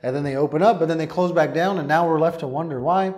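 A man reviewing a book in casual chat, ranting in an exasperated, animated way. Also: fairly high pitch, fast talker.

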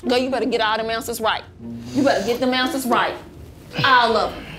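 A woman's voice: fairly high pitch, fairly even intonation, fairly quick, over music, lightly acted. A woman playing a sassy, theatrical mother in a comedy skit, exclaiming and repeating phrases for emphasis. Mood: sassy, boastful. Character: sassy, scolding, theatrical mother who won't be outsmarted. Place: living room of a house.

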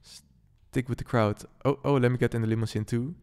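A man hosting a gaming channel, giving relaxed, easygoing gameplay commentary and often repeating himself. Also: mid-range voice, moderate pace, clean tone.

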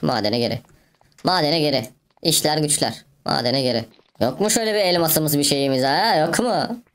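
Very deep-voiced playful woman gamer. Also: vocal fry. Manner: playful, chatty, makes mouth sound effects. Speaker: gaming video host. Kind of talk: let's play commentary.

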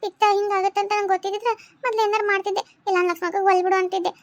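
A very high, quick-talking young village wife in a cartoon, voiced by a woman with a North Karnataka Kannada accent. She keeps asking plaintive, bewildered questions about what is happening to her. The recording is close and dry. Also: little pitch movement, dry recording. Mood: apologetic. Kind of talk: cartoon voice acting.

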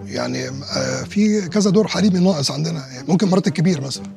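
Gravelly fast-talking Egyptian man. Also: fairly high pitch, a little mellow, faint music behind. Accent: Egyptian Arabic. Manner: coaxing, placating. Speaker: actor on set. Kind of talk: comic sketch banter.

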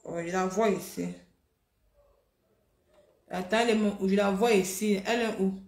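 A woman hosting a live stream, talking in an animated, mocking, repetitive way. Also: mid-range voice, moderate pace, echoey room. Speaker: livestream host. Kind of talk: heated live-stream rant.

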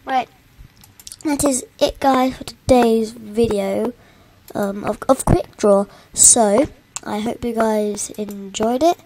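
Slow, playful woman vlogger humming. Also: on the high side, warm tone. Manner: hums and mutters while drawing, playful. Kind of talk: casual game-play commentary.

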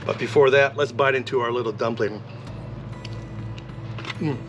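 Relaxed man demoing gear, faint music. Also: medium pitch, fast talker. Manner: relaxed, rambling with fillers. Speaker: vlogger. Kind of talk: casual product demo vlog.

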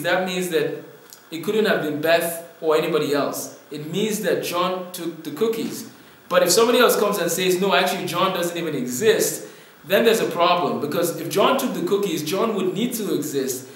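A young man from Nigeria gives an earnest talking-to-camera lesson, explaining with his hands. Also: high voice. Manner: earnest, explains with hand gestures. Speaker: apologetics teacher. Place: indoor room with wood-panel wall. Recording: very echoey room.

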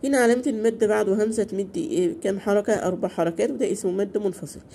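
A woman's voice: medium pitch, dark tone, a little hiss or hum. Egyptian woman teaching Quran recitation. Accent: Egyptian Arabic. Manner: slow drawn-out recitation between quick spoken explanations; asks questions and answers them herself. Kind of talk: beginner tajweed lesson.

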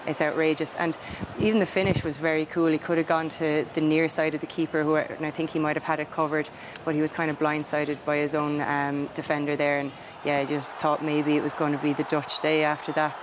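A young woman giving football match analysis as a pundit, even and matter-of-fact, on a lapel mic in a TV studio. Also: deep voice, brisk, few pauses. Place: large TV studio set. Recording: TV studio with background noise.

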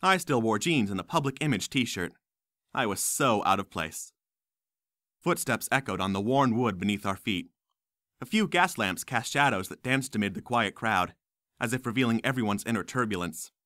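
A man reading a first-person audiobook in a wry, lively storytelling manner. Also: fairly low pitch, normal speed, no room sound, studio quality. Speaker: audiobook narrator.

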